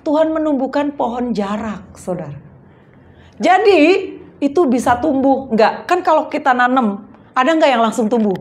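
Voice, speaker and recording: A middle-aged woman pastor from Manado with a Manado accent, preaching an animated sermon that swings from loud to soft, with frequent chuckles. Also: sits high. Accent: Manado Indonesian. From Manado, North Sulawesi, Indonesia.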